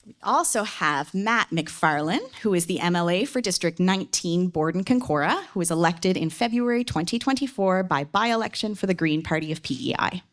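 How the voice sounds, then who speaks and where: A woman's voice: fairly low pitch, expressive, moderate pace. A woman with a Newfoundland accent moderating a public event from a podium, speaking informally with self-deprecating, joking asides. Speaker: debate moderator. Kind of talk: event welcome and introductions at a podium.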